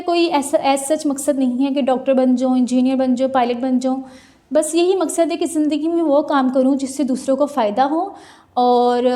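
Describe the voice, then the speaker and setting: A young woman, speaking in a noticeably high voice. She works through viewer questions in a chatty, practical way, like a student sharing tips. The sound comes from a mobile phone's mic. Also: warm tone. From Pakistan. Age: 20s. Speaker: student vlogger. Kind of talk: casual Q&A vlog.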